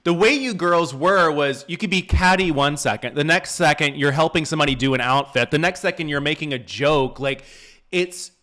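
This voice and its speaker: A man's voice: a little high, moderate pace, sharp tone. A man hosting a casual, chatty interview. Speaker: interviewer, podcast host.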